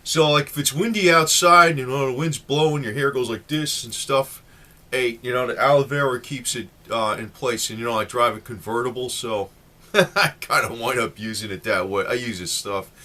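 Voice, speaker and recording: A man's voice: medium pitch, normal speed, bright, forceful tone. A man in his late fifties giving a casual, rambling talk to the camera with lots of fillers. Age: 50s. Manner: rambling, chatty, many fillers. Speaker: vlogger.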